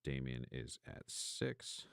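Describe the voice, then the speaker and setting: A man narrating as game master of a tabletop role-playing game, setting scenes slowly and chatting casually with players. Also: a bass voice, big pitch swings, gravelly, fairly bright tone, smooth, no room sound, clean studio sound. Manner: slow, deliberate scene narration with casual asides.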